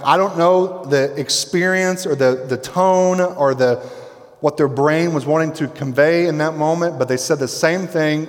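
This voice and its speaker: A pastor preaching a sermon in a conversational, emphatic way, dropping to quiet intensity on key words. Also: male voice, mid-range voice. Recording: long reverb from a hall.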